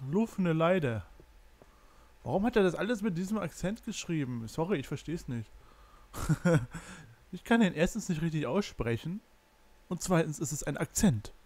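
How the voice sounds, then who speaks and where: A male Let's Play host talking through a game in a slightly high, unhurried voice. He rambles casually, trips over words and mutters curses whenever something goes wrong. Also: darkish tone. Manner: casual, mutters and swears while stumbling over signs. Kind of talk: gameplay commentary.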